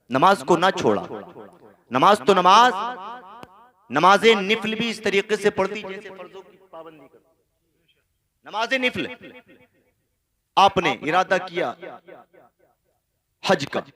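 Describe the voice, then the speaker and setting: A man's voice: sits high, expressive, slow, pauses often, sharp tone. A man preaching a sermon in a fervent, declamatory manner, calling out to his listeners at a public religious gathering. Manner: impassioned, declamatory, calls out to listeners. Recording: crowd noise behind the speech.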